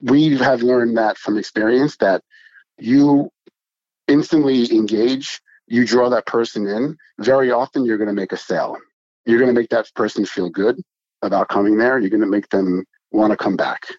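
A man's voice: mid-range voice, normal speed, a little mellow, no echo, lo-fi sound. A man who co-owns a restaurant, answering interview questions in an earnest, emphatic way and building his points in lists. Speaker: restaurant co-owner.

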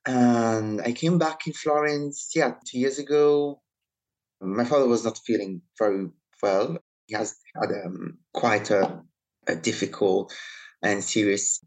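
A man's voice: medium pitch, rough recording. A man in his thirties from Italy, a non-native English speaker, talking reflectively as a guest in a conversational interview. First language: not English; speaks Italian, French and Mauritian Creole.

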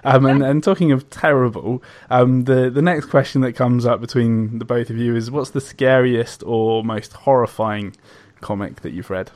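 A man's voice: mid-range voice, steady tone, moderate pace, a little mellow. A man hosting a casual podcast interview, reacting with short friendly interjections. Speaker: podcast host.

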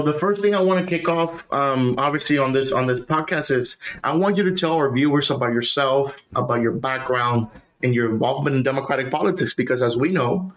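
A man hosting a podcast, welcoming his guest in an enthusiastic, drawn-out way. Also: fairly high pitch, low-quality recording. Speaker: podcast host. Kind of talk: casual interview chat.

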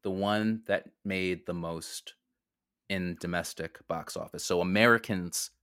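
A man in a comedic podcast chat, running a quiz game with easy jokes. His voice is low-pitched and bright, and the sound is close and dry. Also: fairly even intonation, a little slow, smooth, no echo. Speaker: podcast co-host and quizmaster. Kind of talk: casual comedic podcast banter.

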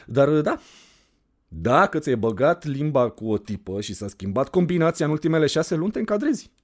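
A man voicing a cool, blunt teenage high school girl in an audiobook reading, speaking in a dry, matter-of-fact, teasing way. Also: sing-song.

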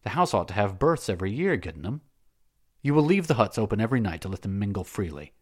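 A man's voice: on the low side, very animated, fast, darkish tone. A man reading as a stern, scornful general who gives commanding orders in a storybook. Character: stern, imperious male Carthaginian general.

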